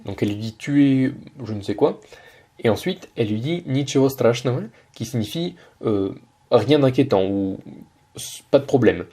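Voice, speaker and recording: A man's voice: mid-range voice, lively intonation, normal speed, dark tone. A man teaching Russian in French, patiently breaking down a video line by line with frequent hesitations. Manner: patient, many hesitations and self-corrections. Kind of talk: explaining a video lesson.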